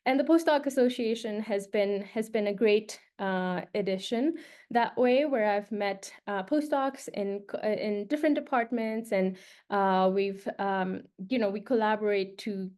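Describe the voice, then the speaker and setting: In an informal talk aimed at prospective postdocs, a young postdoctoral researcher from Nepal speaks at a moderate pace. Her mid-range voice has a darkish tone, and she relies heavily on fillers and restarts.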